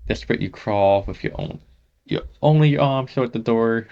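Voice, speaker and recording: A man reading a horror text game aloud as a gaming host, saying the sound effects out loud as he goes. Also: mid-range voice, moderate pace, gravelly, highs cut off. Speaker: gaming YouTuber.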